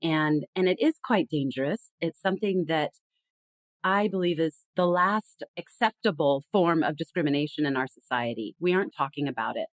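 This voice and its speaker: A woman's voice: deep voice, moderate pace, no room sound, low-quality recording. A woman guest on a podcast interview, talking emphatically and expressively about communication. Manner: emphatic, expressive, lively storytelling. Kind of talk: conversational interview.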